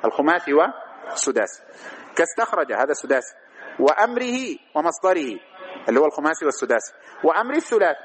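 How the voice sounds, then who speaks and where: A man's voice: a little high, slight background noise, rough recording. A man teaching a grammar class who keeps asking questions and then answers them himself. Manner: recites verse and quotes in a chanting tone. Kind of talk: classroom lecture on Arabic grammar.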